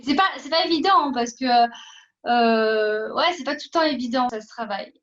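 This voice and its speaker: A woman's voice: a little high, lively intonation, moderate pace, a bit bright. A woman interviewing a guest about acting in a casual chat, hesitant, with many fillers and restarts. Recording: dull lo-fi sound.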